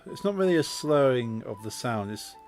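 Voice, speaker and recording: Clear-spoken Midlands English man. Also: medium pitch, animated, darkish tone, faint music behind. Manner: deliberately clear, precise diction. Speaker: game streamer. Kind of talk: casual chat while gaming.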